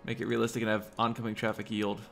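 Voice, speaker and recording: Fast and monotone, a lowish gravelly voice with a fairly bright tone comes from a hiccuping livestreamer building roads in a city-building game. He mutters his plans aloud and talks to chat, with soft music in the background.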